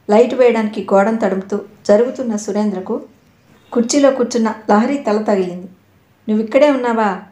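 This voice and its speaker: A woman narrating an audio novel in a steady, dramatic storytelling manner. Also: on the high side. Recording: echoey room.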